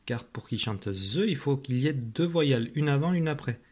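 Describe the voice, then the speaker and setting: A man teaching a spelling lesson, slowly sounding out syllables with patient guidance to a child at home. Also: mid-range voice, animated, darkish tone, breathy edge. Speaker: primary school teacher.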